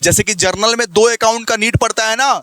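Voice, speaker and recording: A man's voice: high-pitched, brisk, bright, forceful tone, no room sound. A man teaching a lecture in a playful, teasing way, repeating key lines in a sing-song and answering his own questions. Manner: repetitive, teasing, sing-song call-and-response with himself.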